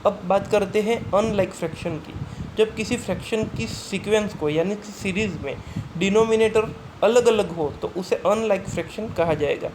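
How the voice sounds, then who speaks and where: A man with a high voice teaches a school math lesson over slides. He explains each step patiently, asks a question and answers it himself, and slows right down for English definitions. A clear hiss of noise sits under the recording. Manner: reads English definitions slowly. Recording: noisy recording.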